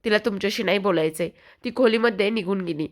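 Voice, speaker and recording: Woman reading younger sister part, halting and hesitant. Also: medium pitch, close to an everyday voice.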